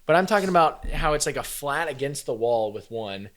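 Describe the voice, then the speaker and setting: A man's voice: medium pitch, lively intonation, a little fast, a bit bright, no echo, clean studio sound. A man co-hosting a craft podcast, chatting casually, joking and using loose slang. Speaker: podcast co-host. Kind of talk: casual chat.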